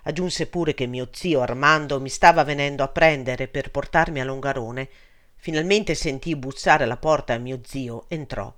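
A man narrating a first-person story in a steady, somber reading voice. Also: medium pitch, normal speed.

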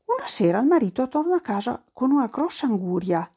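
A woman telling a folk tale, with lively asides in local speech. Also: fairly high pitch, fairly quick, slightly rough. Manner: lively, slips into dialect asides. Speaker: storyteller. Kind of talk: folk storytelling.

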